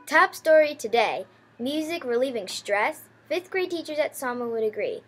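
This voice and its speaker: A student news anchor reading a school news broadcast from a studio desk. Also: female voice, high voice, animated, moderate pace, a bit bright, husky, soft background music.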